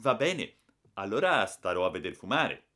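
A man's voice: lowish voice, big pitch swings, pushed and bright, full character voice. A man voicing a cheeky, defiant young schoolboy who answers back proudly. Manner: proud, quick retorts.

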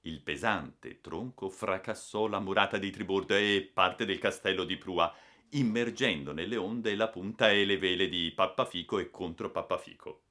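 A man narrating an adventure story as a dramatic audiobook, vivid and expressive. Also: low-pitched, normal speed.

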